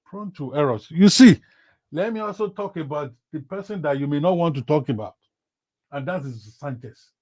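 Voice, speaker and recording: A man's voice: on the high side, fairly quick, dry recording, clean studio sound. A man chatting casually about football and reading out viewer comments. He often asks himself "what?" and then answers, and he repeats words and phrases with many fillers. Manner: animated, with big swings in loudness.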